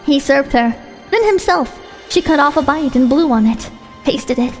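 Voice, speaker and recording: A woman's voice: sits high, normal speed. A woman reading a short story aloud as its narrator. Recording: long hall reverb with music.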